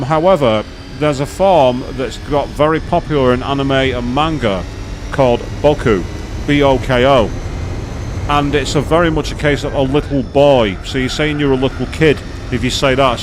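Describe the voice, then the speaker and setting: A man's voice: medium pitch, a little hiss or hum. A man chatting casually on a live gaming stream, rambling with many fillers and restarts as he explains things to viewers.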